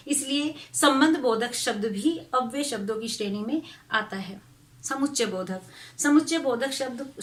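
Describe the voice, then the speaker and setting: A middle-aged woman teaching Hindi grammar in an online lecture, explaining slowly and carefully with examples and soft "a" fillers. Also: high-pitched, reverberant, distant mic.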